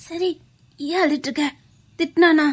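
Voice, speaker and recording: A woman's voice: very high-pitched, fairly even intonation, normal speed. A woman playing a practical aunt who consoles and lectures patiently, speaking with a Tirunelveli accent. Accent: Tirunelveli Tamil. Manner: soothing yet lecturing, reasoning patiently. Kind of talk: web series drama acting.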